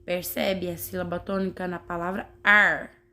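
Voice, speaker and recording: A woman teacher, explaining a grammar lesson slowly and carefully, sounding out syllables. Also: medium pitch. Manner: slow, carefully spelling out syllables. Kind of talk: slow classroom explanation.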